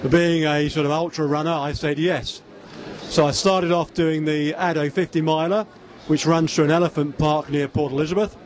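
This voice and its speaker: An older man from the United Kingdom, chatty and self-deprecating, speaking into a handheld mic at an indoor expo stand. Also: a little high. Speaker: interviewee, ultra runner. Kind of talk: talking to camera at a race expo.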